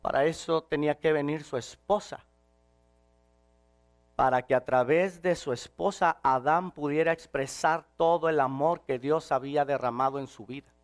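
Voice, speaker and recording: A man preaching a sermon, swinging from shouted passages to quiet, intimate ones. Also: fairly high pitch, moderate pace.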